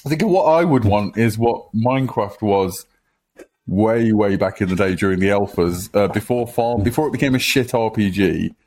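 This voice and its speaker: A man's voice: lowish voice, normal speed, darkish tone. A man co-hosting a casual podcast chat, blunt and opinionated, swearing freely. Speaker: podcast co-host.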